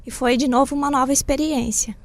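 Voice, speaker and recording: A woman's voice: high voice, steady tone, quick pace. A woman from southern Brazil, a shop owner interviewed in a radio studio, telling her story in a plain, simple way with frequent tag questions.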